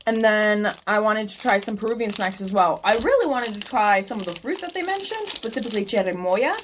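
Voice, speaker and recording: A woman vlogger chats about what she's reading in a relaxed, conversational way. She is eating snacks as she talks, and she trips over and restarts her sentences as she thinks aloud. Her voice sits in a middle pitch, and soft crinkling and clicks are heard in the background. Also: fairly quick, noisy background. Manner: eating snacks while talking. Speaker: book vlogger. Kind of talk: casual chat to camera.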